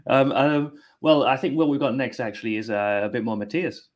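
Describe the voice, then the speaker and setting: A man co-hosting a live software stream, joking and teasing his colleagues in casual banter. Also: medium pitch, fairly quick. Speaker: co-host.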